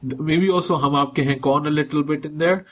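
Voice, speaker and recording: A man's voice: a little high, steady tone, fairly quick. A man co-hosting a podcast in casual chat, rambling and hesitant as he looks for words. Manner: rambling, hesitant, many restarts. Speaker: podcast co-host.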